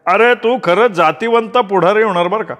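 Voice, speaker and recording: Guy doing snarky big brother, higher voice, slow and mocking, roomy. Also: a bit bright. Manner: mocking, dry. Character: elder brother, bank cashier, mocking. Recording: roomy reverb.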